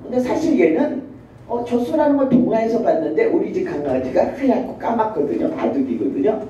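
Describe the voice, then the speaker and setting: A woman professor lectures with a lively, swooping delivery and a deep, mellow tone. Her examples spring to life as she acts out the people in them. She is recorded from across a very echoey classroom, dull and lo-fi, with faint room noise. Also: fairly quick, recorded from a distance. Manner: animated, acts out children and mothers. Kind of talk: university lecture.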